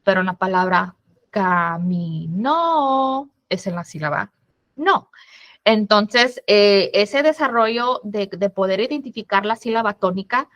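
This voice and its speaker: A woman with a mid-range voice gives an online workshop to parents in the manner of a former teacher. She explains step by step and sounds out syllables slowly and clearly. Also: medium pitch, a bit bright, dull audio.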